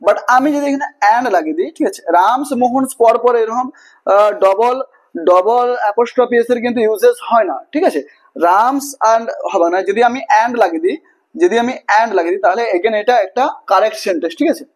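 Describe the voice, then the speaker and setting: A man's voice: very high-pitched, a little fast. A man teaching English grammar, repeating himself, spelling words letter by letter and checking in with the class often.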